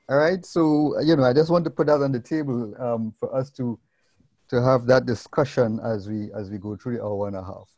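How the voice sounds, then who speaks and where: Male moderator, mellow and dry sound, earnest, asks questions. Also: a little high, dry recording, muffled recording. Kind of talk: panel discussion.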